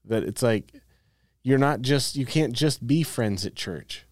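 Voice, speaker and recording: A man's voice: mid-range voice, animated, a little slow, darkish tone, no echo, clean studio sound. A man co-hosting a casual podcast chat, blunt and irreverent, often restarting his sentences.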